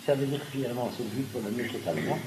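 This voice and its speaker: A man giving a lively seminar lecture, pausing with frequent asides and restarts. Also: mid-range voice. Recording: echoey room with background noise.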